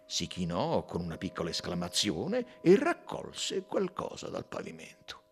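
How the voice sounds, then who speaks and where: A man reading an audiobook aloud with expressive, dramatic narration. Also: low voice, unhurried, slightly rough, soft background music. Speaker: audiobook reader.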